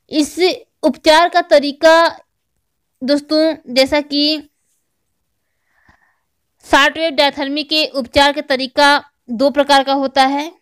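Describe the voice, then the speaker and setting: Teaching online for physical education exams, a woman with an Indian accent explains material and restates the key points in different words. Her high-pitched voice is a bit bright, and the recording carries no room sound.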